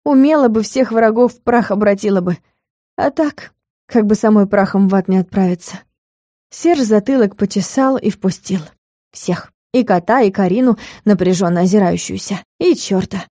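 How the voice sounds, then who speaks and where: A woman narrates a fantasy audiobook with a lively storytelling manner, ready to slip into character voices. Her tone is mellow and warm rather than bright. The recording is close and dry, with no room sound. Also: mid-range voice, moderate pace, no echo. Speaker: audiobook reader.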